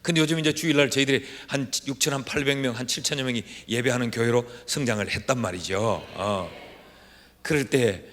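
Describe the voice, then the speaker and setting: A middle-aged man, a pastor, preaching a revival sermon with folksy storytelling that swings from hushed asides to shouted exhortation, in a large church sanctuary. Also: mid-range voice, a little fast. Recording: reverberant church hall with faint room noise.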